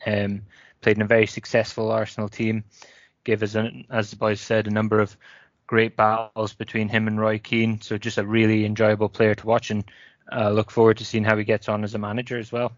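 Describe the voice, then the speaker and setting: A man sharing casual football opinions as a regular panellist, measured and agreeable. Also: lowish voice, monotone, no echo. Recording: dull lo-fi audio.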